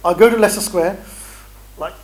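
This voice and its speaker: A middle-aged man leading a training workshop, animated and bantering, acting out street encounters as he talks. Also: sits high, fairly quick, rough recording. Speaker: dawah trainer. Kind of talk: energetic workshop talk.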